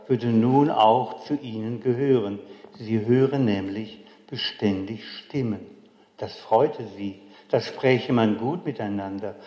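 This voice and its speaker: In a warm, medium-pitched voice, an older man shares a memory from his childhood, solemn and reflective in the manner of memoir storytelling. The recording comes from a hall and sounds dull and echoey.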